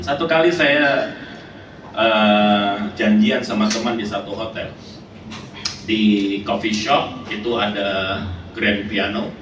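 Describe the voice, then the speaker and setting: A male pastor preaching a sermon, telling stories with lively energy and often asking the congregation to answer amen. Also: lowish voice. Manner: animated storytelling, often asks the congregation for amen. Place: church hall. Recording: echoey church hall, distant mic, background noise.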